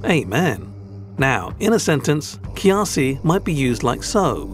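Casting: British male podcast host, rigidly formal and wordy, lively intonation, mock-educational scripted read. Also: fairly high pitch, takes it slowly, slight background noise. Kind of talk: scripted, tongue-in-cheek educational narration.

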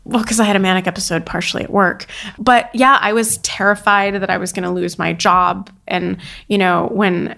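A woman being interviewed, talking openly and warmly about her work and feelings, with plenty of casual fillers. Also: medium pitch, moderate pace, gravelly. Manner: animated, chatty, full of 'like' and 'you know' fillers; open and emotionally candid. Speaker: interview guest.

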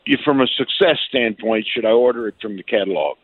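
A man in his seventies calling in to a radio show, chatty and halting as he asks his questions. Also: lowish voice, husky, no echo. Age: 70s. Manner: chatty, halting, warm-spirited. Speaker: caller. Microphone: telephone. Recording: tinny phone line.

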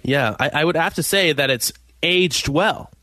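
Playful male radio co-host, higher-pitched. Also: moderate pace, sharp tone, no echo. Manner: joking, playful patter. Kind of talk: light, chatty radio hosting.

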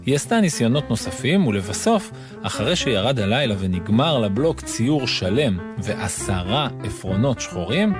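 An expressive man reads a children's story aloud, and his voice rises and falls with playful animation. Clear music runs behind the reading the whole time. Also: mid-range voice. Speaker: narrator.

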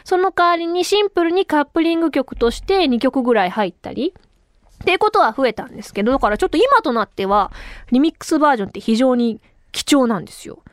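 A woman in her thirties hosting a casual solo podcast, chatty and animated, her voice a little tired from talking a lot. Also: high voice, fast, dry recording, clean studio sound. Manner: chatty and animated, with frequent laughs. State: tired voice from talking too much. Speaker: radio and podcast host.

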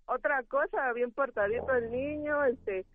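A woman's voice: sits high, measured pace. A woman calling in to a radio show over the phone, chatting and complaining in an exasperated way. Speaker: caller. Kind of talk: casual call-in complaint. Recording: thin tinny phone line.

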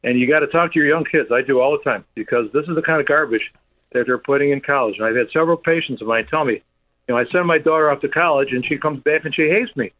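A man calling in to a radio show on a speakerphone from his office, ranting in a rapid, heated way. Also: medium pitch. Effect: calling in on a speakerphone over a phone line. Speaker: radio call-in caller. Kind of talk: call-in talk radio. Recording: tinny speakerphone line.

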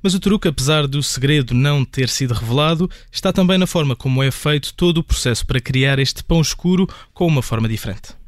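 A man, a radio reporter reading scripted narration in a measured way. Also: a little high, animated, dry recording, clean studio sound.

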